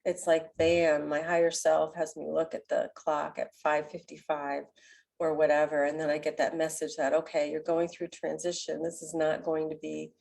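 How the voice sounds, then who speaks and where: A woman with a nasal, stuffy voice, giving a spiritual card reading in a gentle, meandering way with many pauses. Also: low-pitched, monotone, vocal fry. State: sick with a cold. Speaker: oracle card reader.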